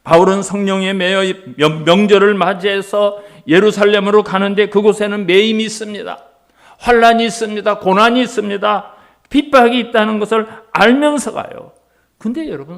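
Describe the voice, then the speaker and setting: A male pastor preaching a sermon, acting out quoted voices and swinging from hushed passages to loud, emphatic ones. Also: high-pitched, moderate pace.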